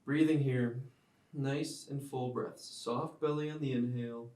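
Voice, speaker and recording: A man teaching a yoga class, giving calm step-by-step cues timed to the breath. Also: mid-range voice, a little slow. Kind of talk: guided yoga class instruction. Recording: roomy sound, mic at a distance.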